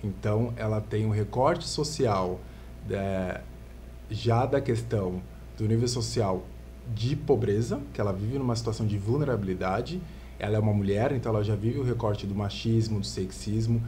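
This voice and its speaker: Measured Brazilian man from Santos. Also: lowish voice, a little hiss or hum. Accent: Brazilian Portuguese, Santos. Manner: calm, measured explaining. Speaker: lawyer, guest. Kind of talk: podcast interview. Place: podcast studio.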